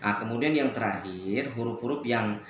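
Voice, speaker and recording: A man teaching Quran recitation on the radio, slowly drawing out Arabic letter sounds as he demonstrates them. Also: medium pitch, roomy sound, slight background noise. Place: radio studio.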